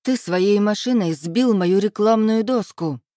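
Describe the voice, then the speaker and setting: A woman voicing a brash, mocking young man who teases calmly and without hurry. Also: mid-range voice, no echo, studio quality, voice pushed up, lightly acted. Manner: teasing, smug, unhurried.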